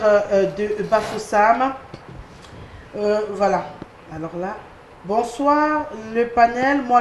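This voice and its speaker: A woman hosting a TV panel discussion, reading viewer messages with many hesitations. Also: mid-range voice. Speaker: host. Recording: echoey studio with faint noise.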